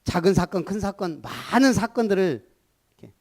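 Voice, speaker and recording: Animated high-voiced preaching man. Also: brisk. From Gunsan, Jeolla, South Korea. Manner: animated preaching, calls for repetition, rhetorical questions. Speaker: pastor. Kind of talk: sermon.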